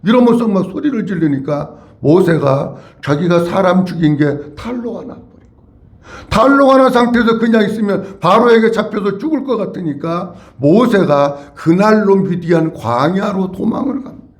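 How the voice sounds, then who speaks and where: A man's voice: sits high, normal speed. A male pastor preaching a sermon in a church, telling the story expressively and leading the congregation in call-and-response repetitions. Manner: expressive storytelling, acting out quotes. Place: church sanctuary.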